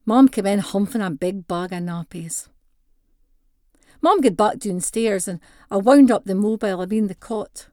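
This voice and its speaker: Expressively reading a first-person short story in Doric dialect, a woman with a North-East Scottish accent acts out its dialogue. She speaks at medium pitch, and the studio-quality recording is dry.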